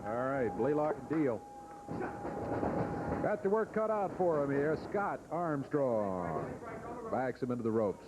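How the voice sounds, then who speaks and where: Steady 80s wrestling play-by-play man. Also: medium pitch, a little slow, pauses often. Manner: steady, announcer-like introductions. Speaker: wrestling commentator. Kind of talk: play-by-play commentary. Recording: hissy 1980s TV broadcast.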